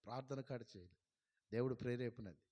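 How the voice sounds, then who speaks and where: A man, preaching a sermon as a pastor and telling a story in a lively way. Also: mid-range voice, fairly quick, highs cut off. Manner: lively storyteller who acts out dialogue. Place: church hall. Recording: long hall reverb.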